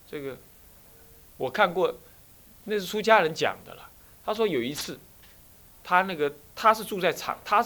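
A man with a Taiwanese Mandarin accent, a Buddhist abbot giving a dharma talk full of stories and rhetorical questions. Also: sits high. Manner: animated storyteller, frequent rhetorical questions.

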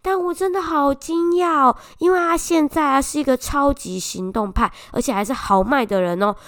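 A young woman kindergarten teacher with a Taiwanese Mandarin accent tells a casual, animated story, full of exclamations. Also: high-pitched, moderate pace. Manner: animated, exclamatory, often voices children's lines.

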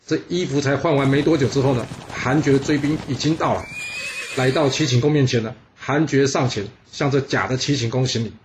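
A man tells history casually, with chatty, teasing asides. His speech is full of filler particles, at an ordinary middle pitch. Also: a little fast, slight background noise. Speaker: storyteller.

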